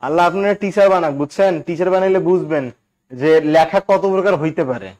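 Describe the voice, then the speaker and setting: Male grammar tutor, high voice, chatty, keeps quizzing the class. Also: quick pace, a little mellow. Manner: chatty, quizzes students with questions. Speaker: English grammar teacher. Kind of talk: live online class.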